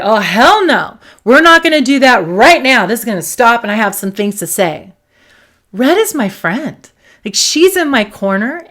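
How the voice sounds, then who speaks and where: A woman's voice: mid-range voice, fairly bright tone. A woman psychologist speaking to camera about emotions in an emphatic way, stressing and repeating her key points. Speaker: psychologist and host.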